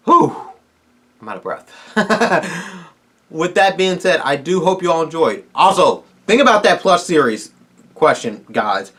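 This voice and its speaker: As he concludes a laid-back Q&A, a YouTuber rambles eagerly and restarts often, his voice tired and strained. It's on the high side, animated yet slow with long pauses, a bit bright and breathy at the edges.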